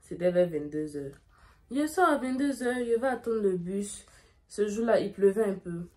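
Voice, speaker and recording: A young woman, telling a dramatic story in a lively way while doing her makeup. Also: mid-range voice, moderate pace. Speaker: beauty vlogger.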